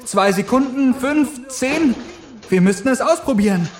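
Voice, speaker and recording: A man voicing a spirited young woman companion in an audiobook, high and urgent. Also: animated, a little slow. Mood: frantic.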